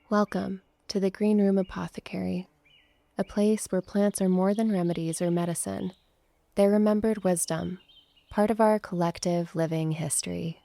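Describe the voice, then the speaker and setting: A woman hosting a sleep meditation, speaking softly, slowly and soothingly, sometimes in a whisper. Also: on the low side, vocal fry, no echo. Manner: soft, slow and soothing, with whispered passages. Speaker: host.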